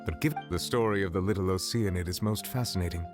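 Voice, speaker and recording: A man voicing a reserved, stately official from a video game, measured and formal. His voice is low, with clear music underneath. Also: natural voice.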